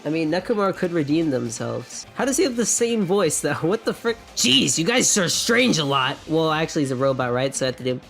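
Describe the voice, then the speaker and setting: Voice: mid-range voice, sing-song, fast, few pauses, faint music behind. A streamer doing blind playthrough commentary, reading game dialogue aloud with sarcastic asides and laughs.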